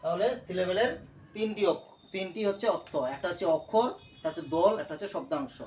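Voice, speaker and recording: A man teaching a pronunciation lesson, speaking slowly and repeating words as he breaks them into syllables. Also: high-pitched, recorded from a distance. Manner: slow, repetitive, breaks words into syllables aloud. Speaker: English teacher. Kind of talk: classroom lesson explaining pronunciation.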